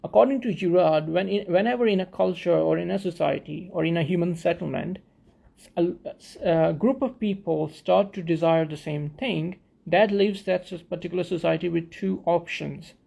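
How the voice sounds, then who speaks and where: A man from Pakistan talks through a theory to his viewers in a thoughtful, explanatory way. His voice sits a little high for a man and has a gravelly, fry-tinged edge. He often stops, restarts and repeats small words while he works out his phrasing. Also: normal speed, dark tone. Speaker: video essayist. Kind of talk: explanatory talk to camera.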